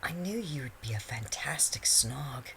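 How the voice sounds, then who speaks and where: Coy teenage witch girl, breathy and dreamy, pitched well up, as a man reads her lines. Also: big pitch swings, fairly bright tone, a little hiss or hum, exaggerated voice, low-quality recording. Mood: husky whisper. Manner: breathy, dreamy, drawn-out delivery.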